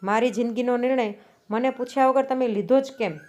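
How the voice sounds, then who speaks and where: A woman voicing a stubborn, proud young wife in a storybook reading, with a sharp, defiant delivery. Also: fairly high pitch, a little fast, natural voice. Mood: angry. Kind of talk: storybook narration.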